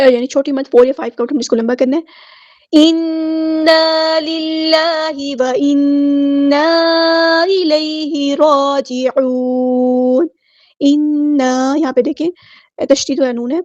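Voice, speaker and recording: High-voiced woman teaching tajweed. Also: dark tone, no room sound, dull audio. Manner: slow drawn-out chanted recitation of each word, then quick explanation. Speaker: Quran recitation teacher. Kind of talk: tajweed lesson, word by word explanation.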